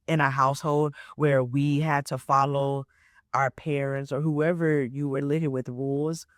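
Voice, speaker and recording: She has a deep voice, captured in a dry, clean studio recording. In her twenties, she works as a life coach and hosts a solo motivational podcast, speaking casually with frequent "right?" and "okay?" check-ins and repetition to stress what matters.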